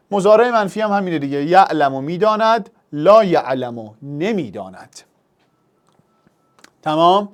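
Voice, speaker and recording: A young man teaching an exam review lesson, animated and talking straight to the student with rhetorical questions. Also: a little high.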